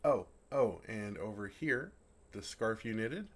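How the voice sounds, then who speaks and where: A man voices a friendly, naive male dragon speaking earnestly and playfully to a human in an intimate, one-sided ASMR roleplay. His fairly low, expressive voice moves slowly in a full character voice, delighted and fond, puzzled at times, with soft chuckles.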